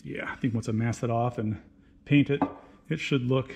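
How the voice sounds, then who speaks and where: A man's voice: medium pitch, steady tone, moderate pace, gravelly, noisy background. A man with an ordinary mid-range voice narrates his engine work in an easygoing, folksy way, poking fun at his own handiwork. He sounds like he's standing in a home garage, with some faint clatter of tools behind him. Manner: folksy, laid-back, self-deprecating. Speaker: channel host. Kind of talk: casual workshop narration.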